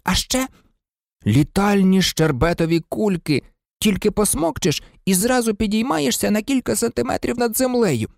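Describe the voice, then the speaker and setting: An audiobook reader voicing an excitable, blunt teenage boy who blurts out his ideas eagerly. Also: medium pitch, moderate pace, creaky, no room sound, studio quality, pitched above the performer's own voice. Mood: dreamy. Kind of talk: audiobook character reading.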